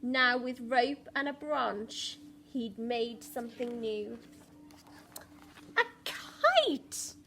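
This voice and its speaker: With an extremely slow, sing-song delivery, a woman primary school teacher reads a picture book to young children, emphasizing it dramatically and asking them questions. Her voice sits on the high side and sounds bright and forceful, and there's slight background noise.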